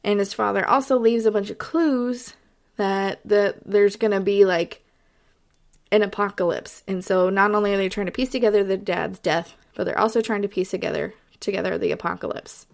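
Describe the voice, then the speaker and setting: Texan woman, podcast host, casual rambling talk, mid pitch, hiccups. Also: fairly even intonation, normal speed, gravelly. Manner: chatty, rambling, lots of fillers. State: has the hiccups. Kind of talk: casual solo podcast review.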